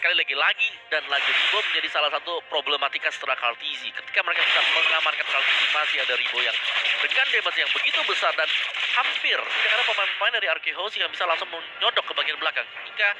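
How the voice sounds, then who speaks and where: A man's voice: fairly high pitch, animated, quick pace. A man with an Indonesian accent giving analytical commentary on a live esports match. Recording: very noisy live broadcast feed.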